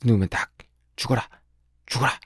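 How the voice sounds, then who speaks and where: A spiteful teenage country girl from a storybook, shrill and jeering as she hurls insults, as a male reader puts her on. The voice sits well above a man's natural register, dry and close. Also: animated, slow pace, warm tone, dry recording. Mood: vicious. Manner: shrill scolding jeers.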